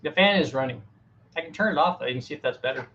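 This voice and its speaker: A man's voice: on the high side, expressive, rapid-fire, pushed and bright, highs cut off, a little hiss or hum. A middle-aged man hosting a casual live Q&A, answering viewers' technical questions in a plain-spoken way, often restarting his sentences. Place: home workshop with a fan running.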